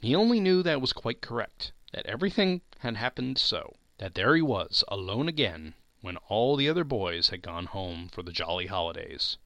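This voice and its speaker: A man's voice: lowish voice, very animated, normal speed, bright, forceful tone, dry recording. A man reading a classic story aloud as dramatic narration, theatrical and emphatic.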